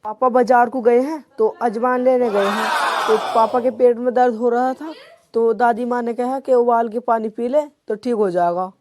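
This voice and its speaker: A woman's voice: on the high side, fairly even intonation, normal speed, a little mellow, slight background noise, lightly acted. A woman voicing a tattletale little boy in a comedy skit. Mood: tattling. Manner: whiny, telling tales.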